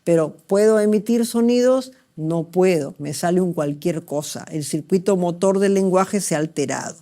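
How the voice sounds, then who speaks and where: Male medical lecturer, mellow tone, explanatory, asks students to confirm. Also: high voice, normal speed. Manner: explanatory, asks rhetorical checks, acts out patients. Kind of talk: exam review lecture.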